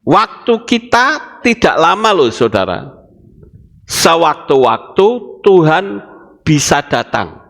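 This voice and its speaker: A man with a Javanese accent preaching a sermon as a pastor, acting out dialogue with a preachy, animated delivery. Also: fairly high pitch, takes it slowly, creaky, pauses often. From Indonesia.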